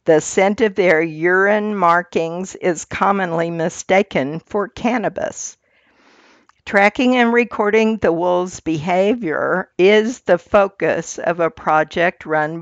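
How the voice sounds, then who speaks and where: A woman reading scripted narration in a measured, articulate nature documentary manner. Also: on the low side, dry recording, lo-fi sound.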